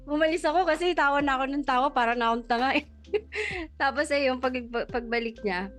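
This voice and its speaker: A woman with a high voice chats casually on a podcast, telling a story and breaking into laughter again and again. Faint music sits behind her. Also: animated, a little fast, a bit bright. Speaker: podcast co-host.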